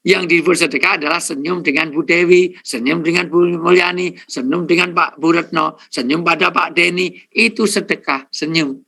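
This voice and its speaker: A middle-aged male preacher delivers a humorous sermon on a microphone, speaking straight to his listeners and ticking off his points one by one. His voice is a touch high and bright with a gravelly edge. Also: moderate pace. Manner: jokey, addresses the audience directly, counts off points. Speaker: Islamic preacher. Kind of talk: humorous sermon to a live audience.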